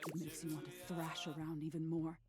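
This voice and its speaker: A woman with a low voice reads a game's second-person narration in a measured, suspenseful way. Music plays clearly behind her. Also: level tone. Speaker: game narrator.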